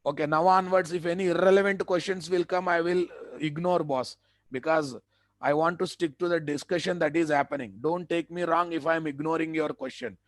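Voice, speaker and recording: A man's voice: on the high side, fairly even intonation, brisk, no room sound. A man with a Telugu accent in Indian English, lecturing students as an instructor, emphatic and repetitive, often checking with rhetorical questions. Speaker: web development instructor. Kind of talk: live online lecture to students.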